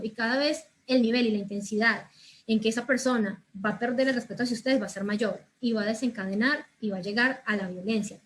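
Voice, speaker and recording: Young colombian woman, slightly high, earnest emphatic talk, faint room hum. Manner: earnest, slow and emphatic, repeating phrases. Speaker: guest speaker to school students. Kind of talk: personal testimony talk.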